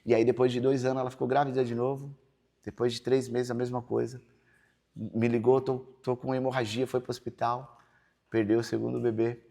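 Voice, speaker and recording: A man's voice: medium pitch, flat delivery, brisk, gravelly, dark tone. A man with a Brazilian Portuguese accent, a pastor telling his personal testimony in a podcast interview, earnest and preachy. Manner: earnest, preachy, acts out quoted dialogue.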